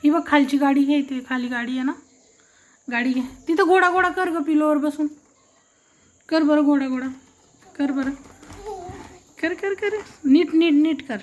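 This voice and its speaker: A woman's voice: sits high, a little slow, long pauses. A woman at home talking to a toddler in baby talk, coaxing her and repeating each prompt again and again. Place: indoors at home.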